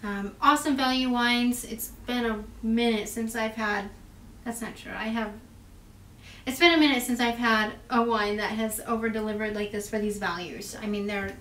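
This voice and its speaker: A woman hosting a casual wine tasting chat, upbeat and chatty with quick asides. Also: fairly high pitch, steady tone, a bit bright. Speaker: wine shop host. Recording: echoey room, far mic, faint noise.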